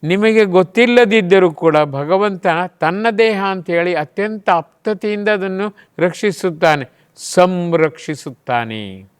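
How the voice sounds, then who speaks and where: A man's voice: high-pitched, unhurried, clear, resonant tone. Dramatic male devotional speaker. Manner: dramatic, acts out quoted voices, swings between soft and loud. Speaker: spiritual speaker. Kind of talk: devotional talk.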